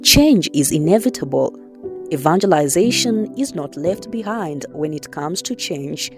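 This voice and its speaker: A woman's voice: on the low side, animated, unhurried, over music. A woman delivering scripted narration in a formal, declarative manner.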